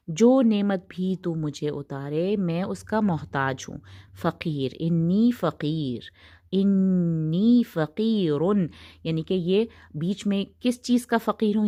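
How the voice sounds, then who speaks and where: Slow, patient woman Quran teacher. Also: low-pitched, mellow. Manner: patient, drawn-out recitation of Arabic words between explanations. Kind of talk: tajweed lesson, explaining and reciting slowly.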